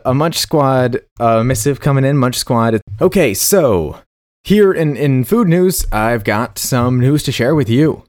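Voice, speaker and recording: A man's voice: medium pitch, darkish tone. Playful man co-hosting a comedy chat. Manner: playful, mock-serious, stumbles over tongue twisters. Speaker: podcast co-host.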